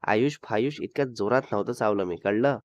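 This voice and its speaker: A man voicing a quick-tempered young woman who scolds and teases her boyfriend. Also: lowish voice, no echo, lightly acted. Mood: scolding. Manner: scolding, teasing. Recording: dull dry sound.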